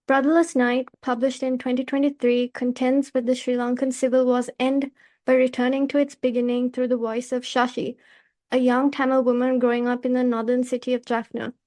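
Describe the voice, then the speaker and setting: A woman hosting a literary podcast reads her scripted introduction and questions in a formal, measured way. Her voice is high, with very flat intonation.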